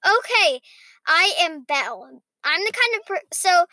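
Very high, bright young girl podcaster. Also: very animated, measured pace, no echo. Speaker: podcast co-host. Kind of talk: casual podcast chat, reading quizzes aloud.

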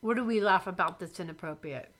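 A woman's voice: fairly low pitch, quick pace, a bit bright. A young woman co-hosting a podcast with her partner, chatting playfully and giggling while chewing gum. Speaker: podcast co-host. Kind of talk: casual couple chat.

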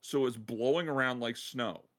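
A man hosting a podcast, excitedly retelling a game side quest in casual chat and laughing as he goes. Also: mid-range voice, normal speed. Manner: excited, laughing storyteller who acts out quotes. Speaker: podcast host.

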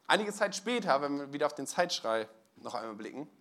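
A man with a notably high voice preaches a relaxed, storytelling sermon. He talks straight to his congregation in a church service. He keeps it casual, with easy fillers and everyday phrasing. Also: a little fast. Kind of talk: conversational sermon.

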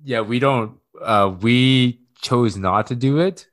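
A man's voice: mid-range voice, slow pace, fairly bright tone. A man co-hosting a casual podcast chat, telling a rambling story as a father, swearing freely and correcting himself as he goes.

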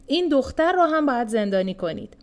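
A woman reading the part of an upset, self-pitying middle-aged man who shouts his complaints. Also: high-pitched, big pitch swings. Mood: aggrieved. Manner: whiny shouting.

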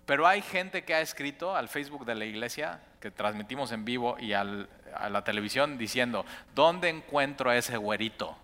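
A male pastor preaching a sermon in a church, animated and acting out his listeners' inner voices. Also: mid-range voice, brisk, few pauses, in a large hall, soft background music.

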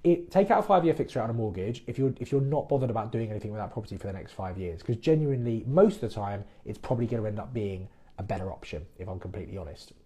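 Rapid-fire and lively in intonation, the warm, fairly low-pitched Midlands broker answers mortgage questions on his casual podcast in a plain-spoken, chatty way.

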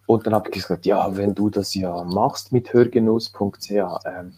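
Male author, low mellow tone, rambling interview guest with lots of fillers. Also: steady tone, moderate pace, husky. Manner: rambling, with many fillers and restarts. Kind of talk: casual conversational interview.

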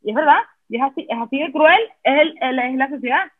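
A woman's voice: sits high, quick pace, dry recording. A woman hosting a casual podcast, speaking frankly and rambling with lots of fillers. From Venezuela. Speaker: podcast host. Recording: dry, phone-like sound.

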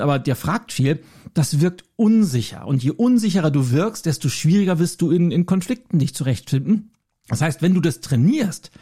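A man giving self-help tips as a coach, speaking calmly and emphatically straight to the listener. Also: on the high side. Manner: calm, emphatic, addresses listener directly. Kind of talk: self-help advice talk.

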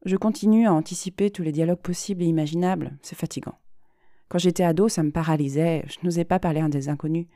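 A woman's voice: on the low side, quick pace, warm tone, no room sound, clean studio sound, lightly acted. A woman reading the part of an anxious, shy young woman who confides her fears hesitantly to a therapist. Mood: anxious confiding. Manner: hesitant, self-doubting confiding.

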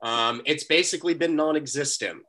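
A man's voice: fairly high pitch, moderate pace, bright, forceful tone. A man co-hosting a casual podcast, laid-back and hesitant. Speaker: podcast co-host. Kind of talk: casual chat.

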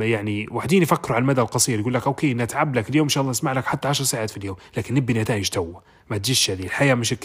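A man's voice: mid-range voice, husky. A man with a Libyan Arabic accent giving a casual motivational monologue, explaining through everyday examples. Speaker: motivational talker.

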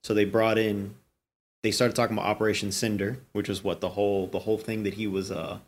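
A man in casual chat, reviewing a TV episode, animated and swearing casually as he acts out characters' lines. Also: lowish voice, fast talker. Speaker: podcast co-host reviewing a show.

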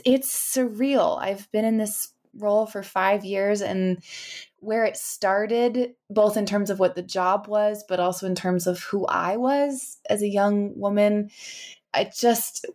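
A woman talking as an interview guest in a casual, reflective and effusive way. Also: lowish voice. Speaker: interview guest, departing marketing director.

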